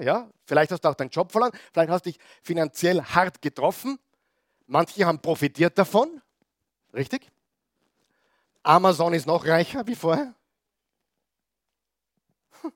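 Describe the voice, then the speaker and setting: A fairly high-voiced man delivers a lively sermon, constantly checking in with his listeners through quick questions. He jumps from forceful, raised lines to hushed, quiet asides. The sound is close and dry. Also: no room sound. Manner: animated, peppers congregation with rhetorical questions; swings between loud emphatic bursts and quiet asides. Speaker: pastor.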